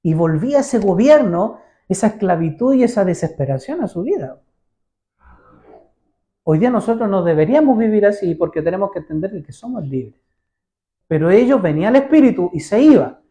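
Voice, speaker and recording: A pastor preaches a sermon in a church, his voice sitting high with big pitch swings, a brisk pace and a warm tone. He talks conversationally, keeps asking his listeners questions and acts out the voices of people in his stories.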